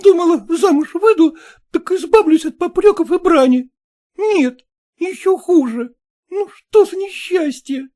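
A man's voice: very high voice, pitched above the performer's own voice. A man voicing a petulant, hysterical young bride, reading a story aloud with sulky, ironic outbursts. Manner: sulky, ironic, quick to shout. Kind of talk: audiobook character voice.

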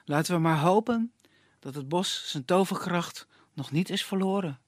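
Storyteller playing a fatherly old wood gatherer, calm, unhurried, slightly raised voice, dry sound. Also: high voice, no echo. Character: calm kindly older male wood gatherer.

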